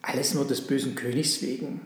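A man voicing a small, tired, homesick donkey in a storybook reading, gentle and earnest. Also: medium pitch, fairly even intonation, fairly quick, heavy reverb, lightly acted.

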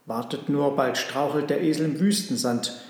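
A man's voice: a little high, moderate pace, heavy reverb, in a large hall, close to an everyday voice. A man voicing a greedy, impatient merchant who grumbles and barks orders in a storybook reading. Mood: irritated. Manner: grumbling, commanding.

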